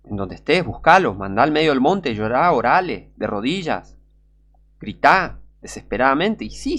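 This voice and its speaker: A man with a Rioplatense Spanish accent preaching a sermon, urgent and pleading, sometimes breaking into shouts. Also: on the high side.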